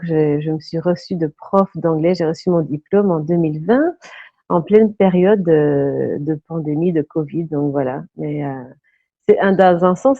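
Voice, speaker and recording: A Breton woman in her thirties, a native French speaker, shares her story as a guest in a casual interview. Her fairly low voice sounds earnest and reflective, and she often pauses to find the right word. The recording is dull and lo-fi, dry and close with no echo.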